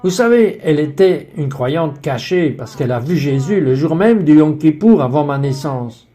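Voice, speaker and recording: A man's voice: fairly high pitch, lively intonation, moderate pace, dark tone, close to an everyday voice. A man giving the French voice-over for a woman guest on a faith talk show, telling her story in an earnest way.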